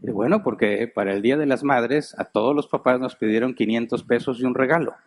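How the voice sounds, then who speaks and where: A middle-aged Mexican man preaching from a church pulpit at a medium pitch. He tells his stories in a relaxed, chatty way, as if talking with friends. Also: fairly quick. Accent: Mexican Spanish. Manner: storytelling, conversational, laughs while telling anecdotes. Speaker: pastor. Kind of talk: sermon.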